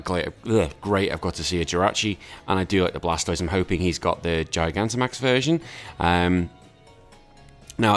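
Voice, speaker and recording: Tired, low-voiced man rambling over gameplay. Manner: rambling, self-correcting, many fillers. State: tired and recovering from illness. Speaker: Pokemon battle commentator. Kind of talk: casual gameplay commentary.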